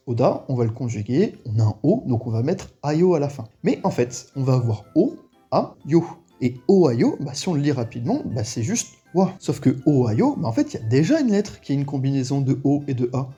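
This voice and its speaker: A man's voice: mid-range voice, mellow, slightly rough. A young man teaching an online language lesson, explaining rules patiently in a casual way.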